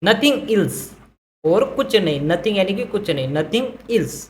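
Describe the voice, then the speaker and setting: Slow, patient woman teaching English. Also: mid-range voice, expressive, slight background noise. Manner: repeats each English phrase slowly, then explains in Hindi. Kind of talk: vocabulary lesson.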